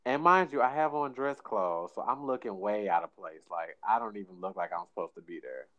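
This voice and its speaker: A man's voice: fairly low pitch, lively intonation, fairly quick, a bit bright, no room sound, dull audio. A man with a St. telling a story in casual chat, dry and laid-back, full of "like" fillers and acting out the people he quotes.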